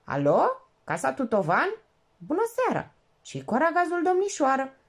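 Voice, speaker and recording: A woman's voice: high voice, huge pitch swings, pitched above the performer's own voice, exaggerated voice. A woman reading an audiobook, voicing a genial, fatherly older police colonel who talks in a friendly, coaxing way.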